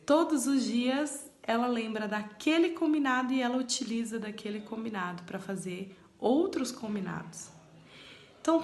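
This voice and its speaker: A woman's voice: on the high side, roomy sound. A Brazilian woman in her thirties giving parenting advice in a chatty vlog, talking straight to her viewers. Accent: Brazilian Portuguese. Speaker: parenting vlogger.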